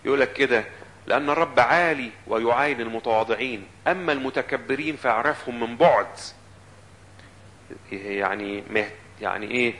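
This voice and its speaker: A man with an Egyptian Arabic accent, preaching a sermon in an animated way, quoting scripture and voicing the people in it. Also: medium pitch, fairly quick.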